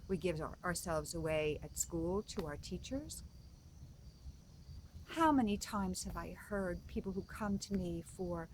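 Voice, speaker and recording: A woman spiritual coach giving a reflective talk, gently repeating key phrases for emphasis. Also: fairly low pitch, lively intonation, measured pace, slight background noise.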